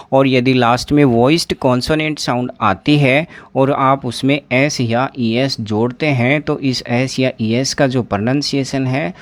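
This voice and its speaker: A man teaching an exam-prep pronunciation lesson, repeating words and asking his class questions as he writes at a board. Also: mid-range voice.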